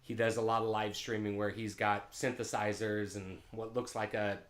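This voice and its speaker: A man with a fairly low pitch, level tone, moderate pace and fairly bright sound chats casually with viewers between songs while hosting a live music stream. He rambles easily from a home room in California. Captured by an open-air mic three or four feet away, his voice has a roomy echo.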